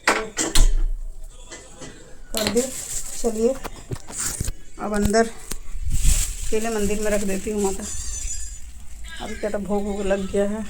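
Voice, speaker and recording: A middle-aged woman vlogger chats casually with her viewers, calling them "guys," as she does chores in her kitchen and tells family stories. Her voice is a little high, with slight background noise.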